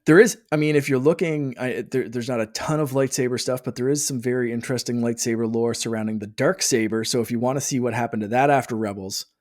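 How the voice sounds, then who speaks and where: A man's voice: mid-range voice, fairly even intonation, fast, few pauses, a little mellow. A man hosting a podcast, chatting casually and laughing often. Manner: chatty, laughs often, acts out quoted voices. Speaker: podcast host. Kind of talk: casual chat.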